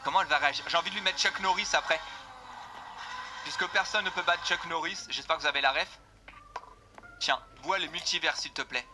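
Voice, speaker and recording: A young man giving casual, excitable gameplay commentary, joking with his viewers. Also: a little high, brisk, pauses often, noisy background. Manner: excitable, jokey, addresses viewers as "les gars". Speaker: gaming video creator.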